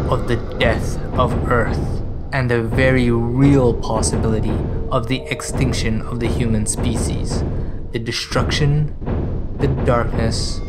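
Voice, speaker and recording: A man narrating a script dramatically, in short, emphatic, weighty phrases. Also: medium pitch. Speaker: video essay narrator. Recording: loud music under the voice. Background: music.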